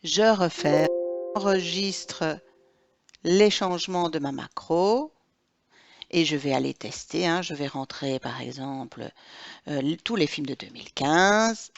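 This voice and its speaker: Woman explaining software step by step. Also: deep voice, slow. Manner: explanatory, step-by-step, thinking aloud. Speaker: teacher. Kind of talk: screen-recorded software tutorial. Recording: dull lo-fi dry recording.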